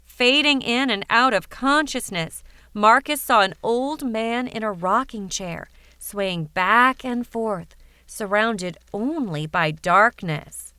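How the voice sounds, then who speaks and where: A woman narrating a fairytale audiobook in a measured, even way. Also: a little high, clean tone, no room sound, clean studio sound. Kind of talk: scripted storybook narration.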